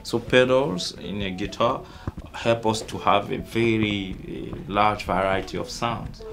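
A young Cameroonian man, a musician, answering interview questions in a halting way, with many fillers and restarts. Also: lowish voice, vocal fry. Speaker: musician guest.

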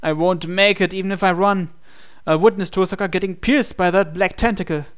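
With music in the background, this let's player narrates a visual novel's on-screen text in a dramatic read-aloud. He speaks briskly in a smooth, high-sitting voice with fairly even intonation.

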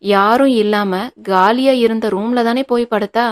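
A woman's voice: a little high, fairly even intonation, unhurried, natural voice. Pleading schemer of a daughter in law, woman narrator doing her, plays innocent, storybook reading. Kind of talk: audiobook dialogue reading.

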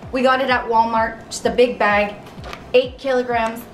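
A woman's voice: a little high, fairly even intonation, normal speed, a little hiss or hum. A woman in her thirties, from Canada, chatting step by step through a meal prep in her home kitchen. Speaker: vlogger. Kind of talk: casual cooking vlog.

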